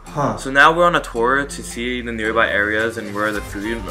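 A young California man narrates a casual travel vlog from a small dorm room, holding his phone at arm's length. He talks at medium pitch and moderate pace in a relaxed, laid-back way with fillers, with background music playing under his voice.

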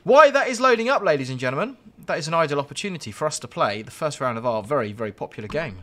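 Hosting a live-streamed game session, a man who drives trains talks to viewers in a jokey, rambling way. His slightly high voice is very animated, bright and pushed, delivered rapid-fire.

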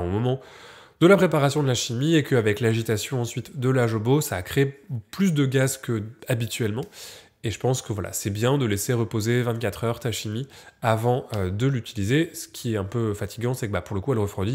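With a head cold, a young film photography YouTuber chats about his home film developing, restarting often and filling pauses. His voice is medium-pitched with a darkish tone. It's captured first by a camera mic in a home darkroom corner, then up close on a studio mic in a dim studio room.

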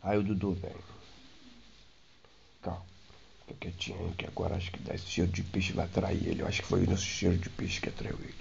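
A man's voice: deep voice, flat delivery, fast, vocal fry, pauses often, darkish tone, slight background noise. Profane slangy storyteller man. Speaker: poet telling a story. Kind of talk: comic storytelling. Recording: dull lo-fi recording.

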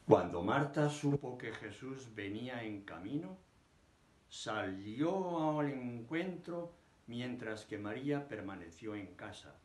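An older man reads scripture slowly and deliberately, leaning into key phrases. His voice sits at a middle pitch. The sound carries a noticeable room echo from a home living room. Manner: slow, measured reading with emphatic rises. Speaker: scripture reader. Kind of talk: reading scripture aloud. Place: living room, seated on a sofa.

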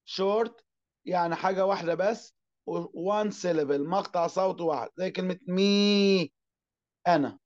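A man with an Egyptian Arabic accent teaching an online class. He asks and answers his own questions and draws out English words slowly. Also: high-pitched, darkish tone, muffled recording.

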